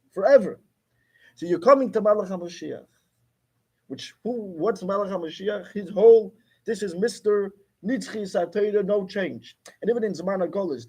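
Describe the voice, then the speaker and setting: A man's voice: high-pitched, a little mellow, slightly rough. A man teaching a class, explaining emphatically and repeating his key points. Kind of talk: Torah class lecture.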